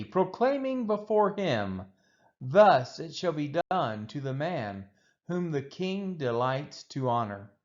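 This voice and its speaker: A scripture reader, a man with a voice on the high side, gives an expressive reading in measured, deliberate phrases. He speaks slowly, his intonation rising and falling widely, and the recording sounds a little dull and lo-fi.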